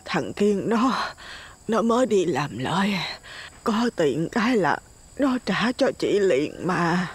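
A man voicing a sick old mother in an audio story, pleading in a weak, breathy voice, stammering as she begs. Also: high voice, big pitch swings, slow pace, voice pushed up, heavily acted. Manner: stammering, begging.

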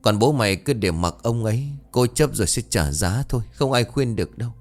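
A man's voice: medium pitch, animated, brisk, faint music behind, lightly acted. A man voicing a frail, weak mother who speaks in a faint, weary way. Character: frail, weak middle-aged mother recovering from illness.

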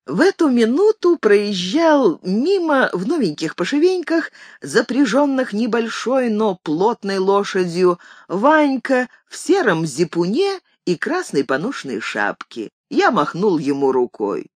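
A woman narrating a classic story as an audiobook reading, expressive in her telling. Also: medium pitch, unhurried, dry recording.

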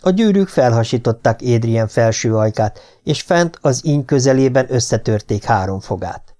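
Audiobook narrator, man, warm dark timbre, dramatic delivery. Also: mid-range voice, expressive. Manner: dramatic storytelling. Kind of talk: scripted narration.

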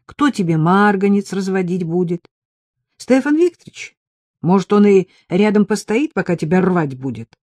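A woman voicing a brisk, bossy young woman who talks bluntly and sardonically, in a mellow, dry-sounding audiobook read. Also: mid-range voice, lively intonation, no room sound, close to an everyday voice.

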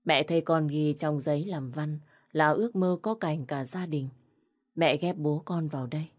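A woman voicing a gentle, sorrowful young mother in a spoken story, talking softly and tearfully. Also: low voice, moderate pace.

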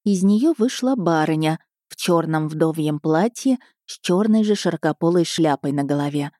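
A woman narrating a novel as a scripted audiobook, in a measured, even storytelling manner. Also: low-pitched, no echo, clean studio sound.

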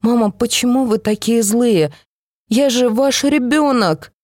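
A little one-armed girl in an audiobook, her voice lifted high and pleading, close to tears and defiant at once, as a woman narrator puts her on. The voice is dry and close, with no room around it. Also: moderate pace, darkish tone, no room sound, lightly acted. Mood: tearful.

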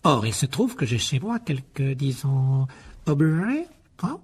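A man's voice: mid-range voice, very animated, takes it slowly, breathy edge, voice pushed up, heavily acted. A man reading an audiobook, voicing a cold, haughty aristocratic wizard father who speaks in a clipped, condescending way.

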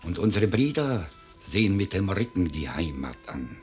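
In a 1950s German radio drama with music behind him, a man plays an old Bohemian cellar master who is grave, proud and mournful. His voice sits low and is very animated, at a moderate pace, carrying a proud, solemn mood.

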